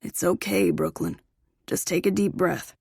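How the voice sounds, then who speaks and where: A woman voicing a gentle, protective teenage boy who speaks softly and steadily. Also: on the low side, steady tone, unhurried, creaky, slightly rough, no echo, clean studio sound, exaggerated voice. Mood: calm.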